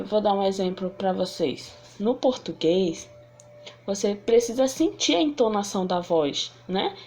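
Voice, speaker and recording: A woman teaching a sign language lesson, acting out example phrases and thinking aloud with restarts. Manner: acts out example phrases with lively shifts of pitch. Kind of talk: online lesson.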